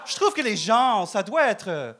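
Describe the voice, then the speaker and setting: A man from Vietnam with a Vietnamese accent doing a stand-up comedy set in halting, broken French, tagging his lines with "hein?". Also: sits high, very animated. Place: live comedy club stage. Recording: noisy live club recording.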